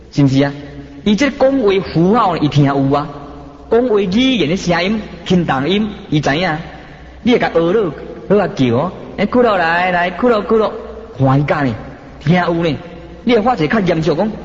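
A man preaching a Buddhist sermon in a Taiwanese Hokkien accent, with dramatic, swooping emphasis. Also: a little high. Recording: dull echoey hall.

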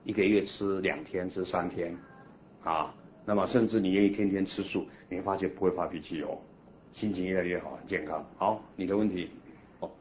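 A deep-voiced man, a Buddhist monk, teaches a class in an animated, coaxing manner and guides the group through slow, steady chanting. The recording is dull and lo-fi, with a faint hiss behind his voice.

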